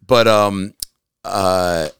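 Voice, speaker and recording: A man's voice: deep voice, fairly even intonation, very slow, fairly bright tone, clean tone, no echo, studio quality. A man, a comedian guest on a podcast, telling a story in casual chat and acting out the quotes.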